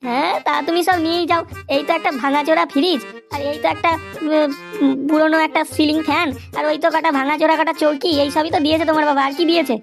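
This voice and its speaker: A woman's voice: sits high, fairly even intonation, fast talker, music in the background. A woman voicing a downcast, joking poor male hawker in a cartoon, speaking wearily. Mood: weary. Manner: weary, sighing, repeats 'বুঝলে'. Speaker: cartoon voice actor.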